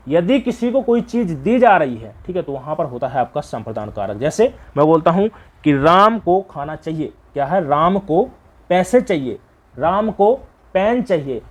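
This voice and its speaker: A man teaching a Hindi grammar exam revision lesson. He keeps repeating each answer back as a question to his students and checks in with frequent fillers. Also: high voice.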